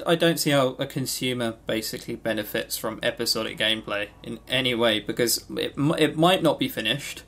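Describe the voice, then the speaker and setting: Here a podcast co-host with a medium, slightly bright voice talks casually about games. He's informal and full of opinions, but he voices them with some hesitancy.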